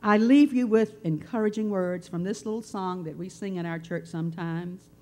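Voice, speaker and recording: An older woman, giving a measured, earnest and reflective speech at a memorial tribute. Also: on the low side, dark tone.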